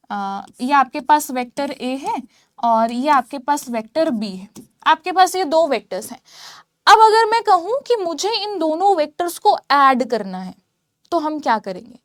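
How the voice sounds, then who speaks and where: With frequent checks that everyone is following, a woman lectures on physics at a whiteboard in a Hindi-English mix, breaking things down step by step. Her high voice comes through cleanly, with studio quality and no room sound.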